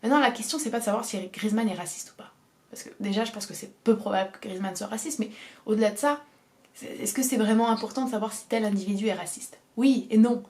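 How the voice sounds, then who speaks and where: A woman's voice: mid-range voice, fast talker, a little mellow. A young woman from southern France with a southern French accent, giving an earnest, emphatic opinion monologue and repeating her key phrases. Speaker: video essayist.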